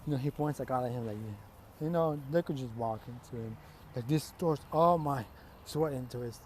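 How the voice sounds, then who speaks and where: Guy rambling through a made-up fan story, swears a lot, lots of "like" and "you know", mellow voice. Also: medium pitch, normal speed, a little hiss or hum. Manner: rambling, profane, filler-heavy. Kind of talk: casual improvised fan-fiction retelling.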